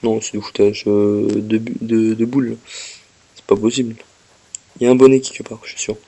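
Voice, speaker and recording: A man's voice: lowish voice, level tone, normal speed, gravelly, warm tone. French-speaking man narrating a game walkthrough. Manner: chatty, explains as he plays, talks to the game. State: slightly ill, coughing. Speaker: gameplay commentator. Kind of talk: casual gameplay walkthrough commentary.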